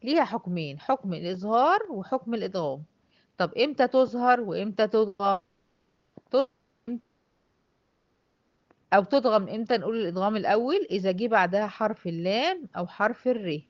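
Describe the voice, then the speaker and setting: A woman with an Egyptian Arabic accent teaching a tajweed lesson. She explains step by step, asks and answers her own questions, and slowly draws out the example words. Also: medium pitch, lively intonation, no echo, highs cut off. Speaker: Quran recitation teacher.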